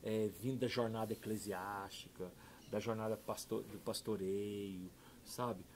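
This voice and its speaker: A middle-aged pastor shares a heartfelt testimony in a conversational interview. His voice sits at an ordinary pitch and moves between hushed, low passages and loud, excited bursts. A faint noise runs under the recording. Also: a little slow. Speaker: pastor and podcast guest. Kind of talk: emotional personal testimony.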